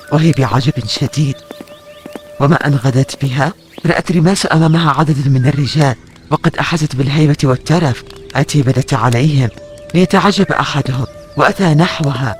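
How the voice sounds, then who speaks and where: A man narrating an audio novel in a measured storytelling manner. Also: on the high side, soft background music.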